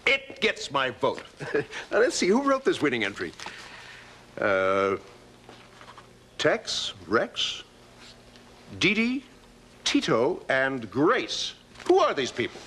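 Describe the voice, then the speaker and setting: An actor playing a genial, folksy railway official who thinks aloud, in children's television. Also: male voice, medium pitch, wildly swooping pitch, slow pace, long pauses, sharp tone, slight background noise, heavily acted. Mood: genial, amused.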